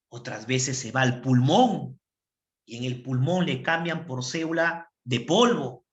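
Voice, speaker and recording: A man teaching anatomy in an online class, animated and storytelling, often asking if everyone follows. His voice is a little high and bright, with a roomy echo. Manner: animated, checks understanding.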